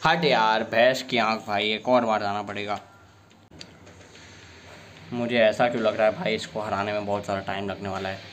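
A young man with a sore throat giving excitable live commentary while playing a fighting game, often bursting into exasperated complaints. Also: fairly low pitch, moderate pace, pauses often, faint music behind. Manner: excitable, frequent exasperated outbursts. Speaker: gameplay streamer.

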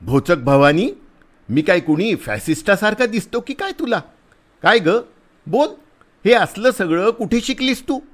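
A man doing a gruff blustering soldier. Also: mid-range voice, very animated, measured pace, pitched above the performer's own voice. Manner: loud, scolding, teasing. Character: big gruff soldier, blustering but kind.

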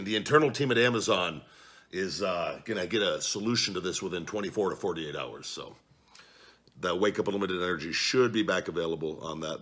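Seated at a table in his living room at night, this vlogger in his forties reads viewers' comments to a desk camera in a casual chat, bluntly swearing and lurching between quiet mumbles and loud eruptions.

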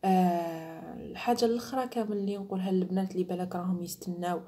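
A woman's voice: on the low side, fairly even intonation, very fast, warm tone. A woman with an Algerian Arabic accent, giving brides-to-be advice in an emphatic, chatty vlog, slipping in French phrases. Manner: emphatic, mixes French phrases, mimics others. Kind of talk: casual advice talk to the camera.

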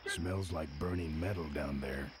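Very deep-voiced laconic biker. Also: male voice, moderate pace, noisy background. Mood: deadpan. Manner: deadpan, terse. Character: gruff, laconic tough biker hero, adult man. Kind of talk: video game voice acting.

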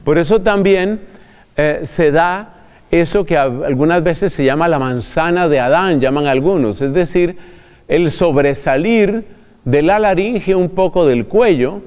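A man with a high voice gives a talk in an easy, chatty way, addressing the listener directly and chuckling now and then. A long reverb trails behind his words. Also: a little slow, darkish tone, smooth. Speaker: preacher. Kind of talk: recorded religious talk.

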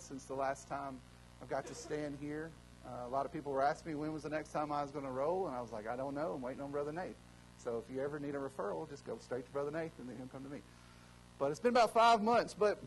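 A man preaching a casual, joking sermon, excitable and full of fillers and restarts. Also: fairly high pitch, slight background noise, rough recording. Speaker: guest preacher.

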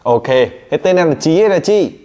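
A man's voice: on the high side, expressive, warm tone. Teasing male pronunciation teacher. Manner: teasing, drilling with rapid questions. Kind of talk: one-on-one pronunciation coaching.

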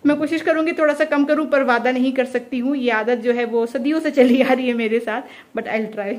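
A young woman vlogging at home, chatting very fast and easily. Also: sits high, steady tone, darkish tone, a little hiss or hum. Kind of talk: casual home vlog chat.

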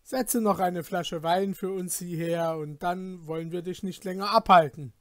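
A man's voice: high-pitched, fairly even intonation, unhurried, no room sound, clean studio sound. A man voicing a composed young student who speaks up among travellers at an inn, in a storybook reading. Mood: coaxing. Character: young male student, calm and clever.

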